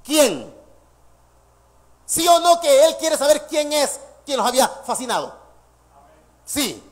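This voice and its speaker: A male pastor preaching a sermon, lively and laughing between points, quizzing the congregation with questions. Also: very high voice, unhurried.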